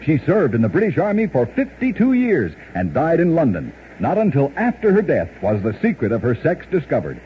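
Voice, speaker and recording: Huge pitch swings mark this man's brisk, old-fashioned announcer narration of odd facts, and his voice sits a little high. The sound is muffled and lo-fi, with faint hiss in the background.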